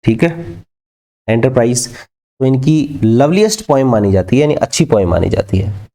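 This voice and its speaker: A man giving an exam-prep literature lecture, mixing Hindi with English, asking and answering his own questions and dictating English lines slowly. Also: mid-range voice, sing-song, creaky, dark tone.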